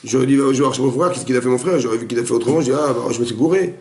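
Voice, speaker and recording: A man, a rabbi, giving a lively interactive Torah class, quizzing his students and acting out the dialogue. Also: mid-range voice, rapid-fire. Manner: animated, questions the students, acts out dialogue. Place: echoey room with students. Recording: roomy echoey room recording.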